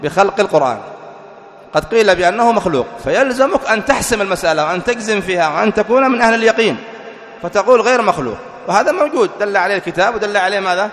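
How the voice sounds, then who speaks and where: A man teaching a religious lesson. He explains a creed text, reads quoted passages slowly and deliberately, and asks rhetorical questions that he answers himself. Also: sits high, expressive, fairly bright tone. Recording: echoey hall with long reverb.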